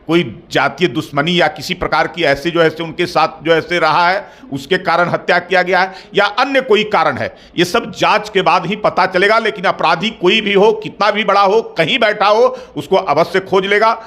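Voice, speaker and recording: A middle-aged man answers interview questions as a party spokesperson. His voice sits fairly high and bright, and he talks in measured phrases with repeated fillers. He builds toward firm, emphatic claims. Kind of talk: formal political interview answers.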